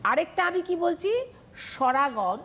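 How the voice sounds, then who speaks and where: A woman's voice: high-pitched, animated, a little slow, a bit bright. A woman teacher giving a televised Bengali grammar lesson, explaining patiently and repeating questions to her students.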